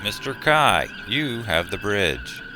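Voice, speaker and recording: A man playing a calm, commanding starship captain in an audio drama, measured and authoritative. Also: lowish voice, over music. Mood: brisk, commanding.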